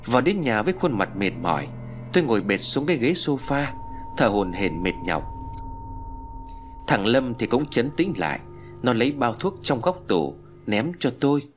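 A man's voice: medium pitch, very animated, normal speed. A man narrating a first-person story as an audiobook reader. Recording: faint background music.

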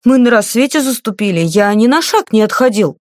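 A woman's voice: fairly high pitch, expressive, fairly quick, dry recording, clean studio sound, voice pushed up, natural voice. A woman doing a flustered young palace guard. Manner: eager, snappy military reporting.

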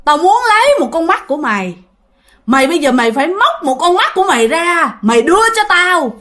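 A woman voicing a menacing male spirit that has possessed a young man, speaking in slow, drawn-out, gloating threats. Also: very high-pitched, big pitch swings, fairly bright tone, pitched above the performer's own voice, exaggerated voice.

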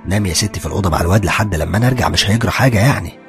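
A man's voice: low voice, rapid-fire, gravelly, music in the background. A man voicing a hard-pressed, stubborn young husband with an Egyptian accent, blunt and complaining. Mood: weary. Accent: Egyptian Arabic.

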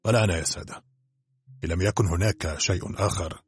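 A man's voice: low voice, fast talker, breathy edge. An actor playing a curt, self-assured older male doctor in an audiobook drama.

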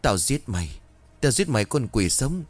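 A man's voice: mid-range voice, very animated, normal speed. A man voicing a vengeful female ghost who hisses cruel, gloating threats. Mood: furious. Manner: hissing, taunting threats.

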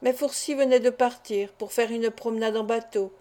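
A woman narrating a classic novel as an audiobook, reading in a measured, steady way. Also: a little high.

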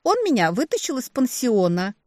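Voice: mid-range voice, very animated, normal speed, dry recording, studio quality, pitched above the performer's own voice, natural voice. A reader voicing a naive young woman, a lovestruck younger sister who gushes in baby talk. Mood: gushing. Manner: lisping baby-talk gush.

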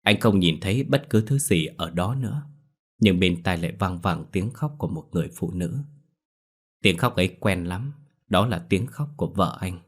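A man with a deep, husky voice narrates a ghost story. He reads in a grave, steady way. The low, breathy tone suits the tale's dark mood.

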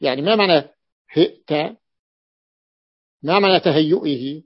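A man's voice: fairly high pitch, moderate pace, husky, dry recording. A man teaching a grammar lesson as a sheikh, explaining step by step and repeating key phrases. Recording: dull, dry lo-fi recording.

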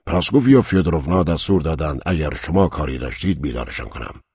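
A man voicing an eager young manservant, speaking up in a raised, obliging, quick way. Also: a bass voice, animated, a little mellow, slightly rough, no room sound, voice pushed up, exaggerated voice. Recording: dull lo-fi recording.

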